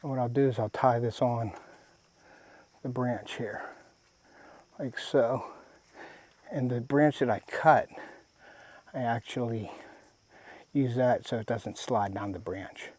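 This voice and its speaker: A man giving a casual, folksy step-by-step hunting demonstration outdoors while he works, with a tractor rumbling in the background. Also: slow pace, pauses often, a little mellow, no echo. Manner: folksy, talks while working with his hands. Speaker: hunting how-to presenter. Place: outdoors in the woods. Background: tractor rumbling nearby.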